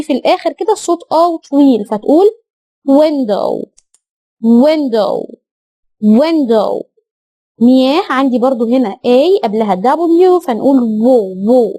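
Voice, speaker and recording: A woman speaking Egyptian Arabic, teaching a phonics lesson to young children and repeating each word slowly for them to echo. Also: high-pitched, dark tone. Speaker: English teacher.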